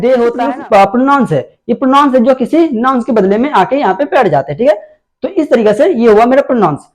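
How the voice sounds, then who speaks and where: A man's voice: very high-pitched, a little mellow. A man with an Indian accent giving a grammar lesson, asking the class questions and answering them himself while he repeats each key point. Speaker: teacher.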